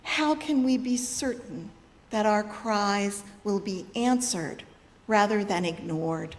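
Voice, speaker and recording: Slow, reflective woman giving a sermon. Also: medium pitch. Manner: slow, reflective, rising to loud braying calls. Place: fellowship hall. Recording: long reverb of a hall.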